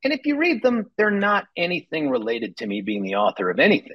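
A man's voice: on the high side, wildly swooping pitch, quick pace, dull audio. A man appearing as a candidate on a talk radio show, explaining himself animatedly and laughing at times. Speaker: political candidate guest.

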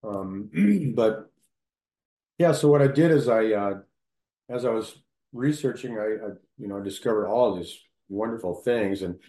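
Male storyteller, very low pitch, halting casual delivery, echoey room. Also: dark tone. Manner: storytelling, halting with many fillers and restarts. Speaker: local history storyteller. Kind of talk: casual conversation.

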